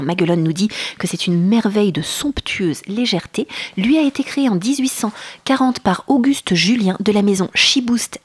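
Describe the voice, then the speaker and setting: A woman presenting a food chronicle, telling pastry history in a lively way with frequent fillers and restarts. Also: mid-range voice, husky, dry recording. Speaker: food columnist. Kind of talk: radio-style food chronicle.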